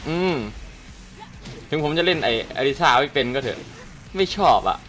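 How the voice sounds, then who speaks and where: A man giving loud, excitable gameplay commentary on a fighting game, swearing and shouting at the screen. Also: fairly high pitch, normal speed, faint music behind. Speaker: gaming streamer. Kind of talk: gameplay commentary with Thai dubbing of cutscenes.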